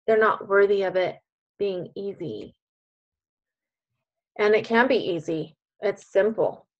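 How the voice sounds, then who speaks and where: A woman's voice: medium pitch, slow pace, dull audio. A woman coach leading an online group class over a video call, speaking in an earnest, emphatic and encouraging way.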